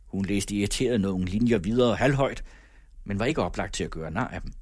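A man reading a literary novel aloud in a measured storytelling manner. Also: lowish voice, a little mellow, no echo, studio quality. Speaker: audiobook narrator.

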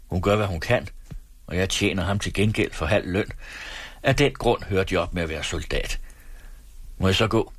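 A man voicing a sly, stubborn former cavalryman working as a farmhand, speaking plainly with calm, wry scorn. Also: low voice, pauses often, slightly rough, no room sound. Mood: earnest.

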